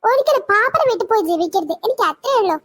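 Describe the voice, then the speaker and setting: A woman playing a very high, haughty cartoon snob. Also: animated, fast talker, fairly bright tone. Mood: scornful. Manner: haughty, scornful, threatening. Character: arrogant rich woman who cares only about money. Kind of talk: cartoon voice acting.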